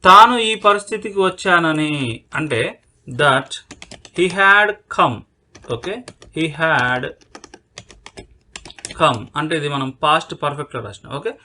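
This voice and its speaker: A man teaching English vocabulary and grammar, explaining word by word, asking himself questions and answering them, and slowly dictating sentences. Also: on the high side, animated, pushed and bright, slight background noise. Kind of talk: spoken English lesson in Telugu.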